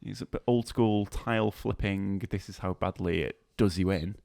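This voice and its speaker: A man with a very deep voice chats easily on a podcast, leaning on fillers and little tag questions. His voice sits close and dry on the mic. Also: moderate pace, vocal fry, darkish tone, no room sound. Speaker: podcast co-host. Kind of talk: casual chat.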